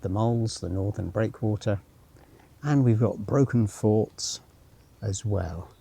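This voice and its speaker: This man's fairly low voice is slow, creaky, mellow and husky. He's a travel vlogger strolling outdoors through a former military town, giving unplanned commentary full of dry asides and private musings, sometimes reading signs as he passes them.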